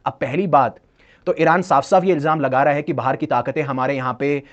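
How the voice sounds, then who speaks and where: A man's voice: medium pitch, fairly even intonation, fairly quick, highs cut off. A man giving an explanatory current-affairs lecture as an exam-prep educator, mixing in English phrases and posing rhetorical questions that he answers himself. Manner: switches between Hindi and English phrases.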